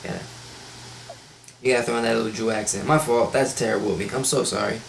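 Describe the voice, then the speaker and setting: A man's voice: mid-range voice, fairly even intonation, racing, gravelly, slight background noise. A man hosting a casual podcast chat over a voice call, blunt and wisecracking as he runs the show. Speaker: podcast host. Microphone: voice call microphone.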